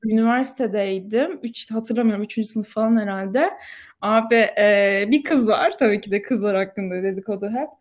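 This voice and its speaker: A young woman in her twenties chatting casually, telling stories in an animated way with slang and laughter. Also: medium pitch, moderate pace. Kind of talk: casual chat.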